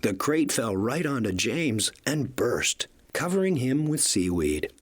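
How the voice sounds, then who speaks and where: Narrating a kids' storybook at a measured pace, a man gives an animated read-along performance. A husky edge colors his mid-pitched voice, which rises and falls widely.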